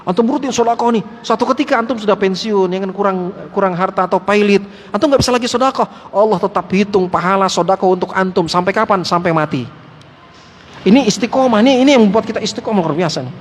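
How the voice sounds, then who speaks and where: A male Islamic teacher giving a lively study-circle sermon in a mosque, joking with the listeners and calling them Pak and antum. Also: sits high, quick pace. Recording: echoey hall with faint background noise.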